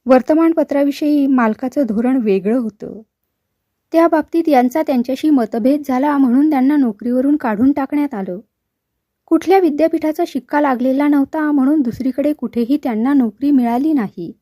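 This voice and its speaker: A woman voicing a young wife who tells her past in a soft, halting voice. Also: sits high, no room sound, studio quality, natural voice. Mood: wistful. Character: young wife, grieving and wistful.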